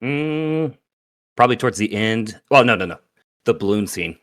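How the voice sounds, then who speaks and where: A man's voice: mid-range voice, expressive, normal speed, a bit bright. A man co-hosting a casual movie podcast, laughing often and retelling scenes with animation. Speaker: podcast co-host. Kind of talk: casual movie review chat.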